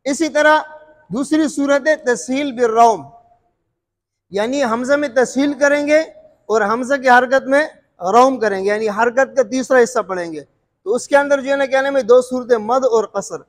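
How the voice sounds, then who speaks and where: A man's voice: extremely high pitch, moderate pace, in a large hall. A man teaching Quran recitation rules, repeating terms, quizzing his listeners and drawing out sung examples. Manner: frequent filler "what's it called". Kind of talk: explaining recitation rules to students.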